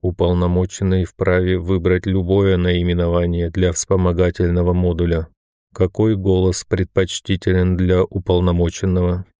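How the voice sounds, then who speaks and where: A man voicing an emotionless station computer that speaks in a mechanical, metallic, lifeless monotone. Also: deep voice, normal speed, smooth, no room sound, studio quality, voice pushed down, natural voice. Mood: impassive. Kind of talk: audiobook narration.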